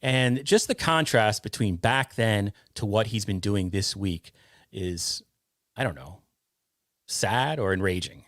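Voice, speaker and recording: A man's voice: on the low side, lively intonation, slow pace, a bit bright, no room sound, clean studio sound. A man hosting a podcast, talking casually and with strong opinions, often restarting his sentences. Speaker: podcast host.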